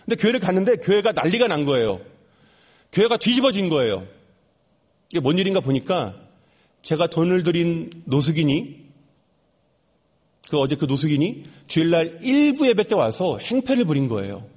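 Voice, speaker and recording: A young man giving an earnest sermon testimony, repeating lines for emphasis and dropping soft at sad moments. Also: on the high side, big pitch swings, moderate pace, long pauses.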